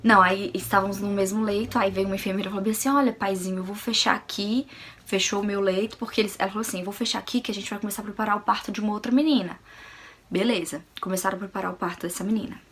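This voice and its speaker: A young woman from Brazil, a vlogger, telling a personal story in a casual, animated way and acting out the voices of others. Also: medium pitch, racing, slight background noise. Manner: animated, acts out quoted voices.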